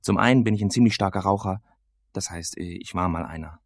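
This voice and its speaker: A man narrating an audiobook in a casual, sardonic first-person voice. His voice is very low, with gravel and a husky edge. The sound is dry and close. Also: fairly quick, no room sound. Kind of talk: first-person novel reading.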